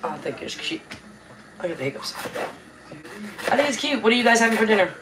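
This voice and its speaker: Cooking in her own kitchen, this livestream host talks casually to her audience through a tablet placed close by on the counter, calling out viewers by name in a drawl. Her raspy, medium-pitched voice is very animated and fast. Music plays underneath, and the audio quality is poor.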